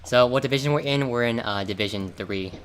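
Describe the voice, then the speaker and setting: A man's voice: medium pitch, brisk, a little hiss or hum. Male caster, loose chatty delivery, trips over his words, voice chat. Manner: chatty, stumbling restarts. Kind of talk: casual esports commentary.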